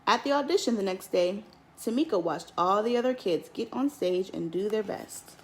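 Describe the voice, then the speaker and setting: A woman teacher reading a picture book aloud in an expressive, lilting storytelling manner. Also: medium pitch, normal speed, slight background noise, rough recording. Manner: expressive, lilting storytelling with lifts on key words.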